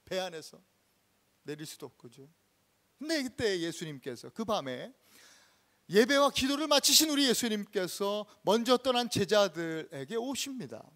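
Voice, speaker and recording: Animated high-voiced male pastor preaching. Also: normal speed. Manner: animated storytelling, acts out scenes. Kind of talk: sermon. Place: church sanctuary.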